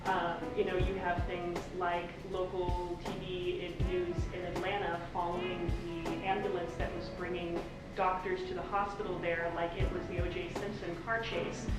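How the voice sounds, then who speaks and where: An American woman giving an informal, rushed lightning talk to get through her points in time. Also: on the low side, level tone. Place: echoey presentation room. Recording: echoey hall, distant pickup, music flagged behind.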